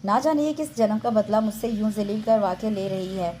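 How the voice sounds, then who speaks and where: A woman's voice: mid-range voice, moderate pace, mellow, slight background noise, close to an everyday voice. A woman voicing a bitter older aunt who complains and scolds.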